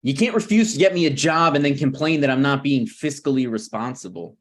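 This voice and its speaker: In a breezy mood, a man reads the part of a brazen, scheming slacker screenwriter during a TV pilot table read. He delivers it blunt and presumptuous with halting phrasing, in a medium-pitched voice close to how he'd normally talk.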